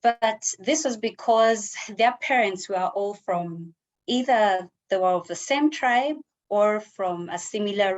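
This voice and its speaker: Slow-speaking Ugandan woman giving a speech. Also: mid-range voice. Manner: measured, deliberate delivery with pauses. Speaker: club member giving icebreaker speech. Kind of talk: prepared personal speech. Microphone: video call.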